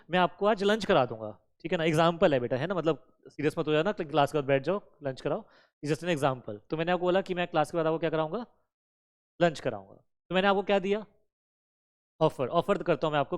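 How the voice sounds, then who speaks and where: Guy teaching a law class, fairly high voice, very clear, keeps quizzing the kids and mixing in english. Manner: keeps quizzing students with questions and answering them himself; mixes English terms and sentences into his teaching. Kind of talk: classroom lecture.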